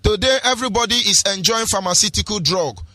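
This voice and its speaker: A man's voice: high voice, animated, quick pace, bright, forceful tone, dry recording, soft background music. A man with a Nigerian accent, hosting a radio show and preaching in an impassioned, sing-song, rhetorical way. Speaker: radio host.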